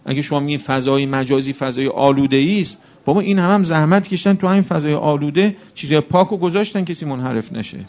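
A man's voice: a little high, hardly any pauses, darkish tone. A man preaching a religious sermon, speaking with passion and firing off rhetorical questions to the congregation.

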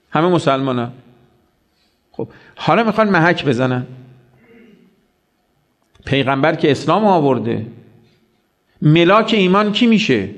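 Man preaching a storytelling sermon. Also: on the high side. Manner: storytelling with acted quotes and rhetorical questions. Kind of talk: religious sermon.

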